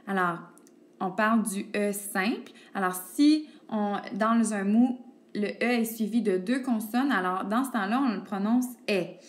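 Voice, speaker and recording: A woman speaks at a medium pitch as she teaches young pupils letter sounds. Her pace is patient and unhurried. She spells words out letter by letter and pauses to check in with the children. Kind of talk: recorded phonics lesson for young pupils. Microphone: tablet microphone.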